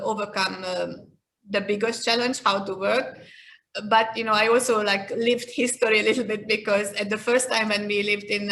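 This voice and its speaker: A Hungarian leadership expert in her fifties, speaking with a Hungarian accent, answers interview questions as a guest in a reflective, conversational way. Her voice is medium-pitched and fairly bright, with a little hiss or hum.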